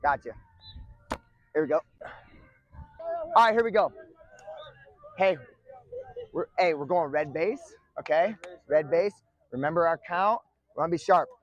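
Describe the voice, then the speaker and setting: A man coaching football at an outdoor practice, commanding and encouraging, often shouting, recorded on a wireless body mic. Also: a little high, animated, a little slow, pauses often, dry recording, dull audio.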